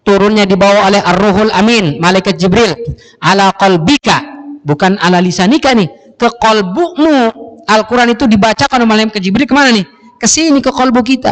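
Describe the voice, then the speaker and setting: A male preacher giving a lively Ramadan sermon in a mosque, acting out his congregants and drawing out Quran recitation. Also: high voice. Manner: acts out congregants in quick voices, drawn-out Quran recitation. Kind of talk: Ramadan sermon with comic role-play. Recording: echoey mosque hall.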